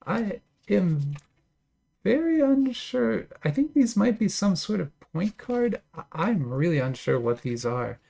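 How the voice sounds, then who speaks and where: A man's voice: high-pitched, big pitch swings, unhurried, creaky, mellow. A man casually talking through opening trading card packs, enthusiastic and chatty with lots of fillers and little laughs. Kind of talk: casual unboxing commentary.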